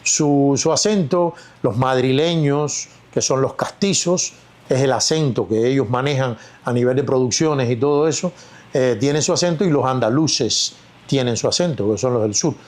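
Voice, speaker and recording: A man's voice: mid-range voice, moderate pace, a little mellow. A man with a Cuban accent, an actor being interviewed, speaking in a reflective, storytelling way with plenty of fillers. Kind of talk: casual interview talk.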